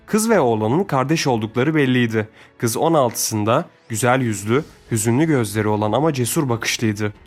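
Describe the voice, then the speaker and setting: A man's voice: medium pitch, moderate pace, few pauses. Man narrating a storybook over faint music. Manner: steady storytelling. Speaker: audiobook narrator. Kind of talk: scripted narration.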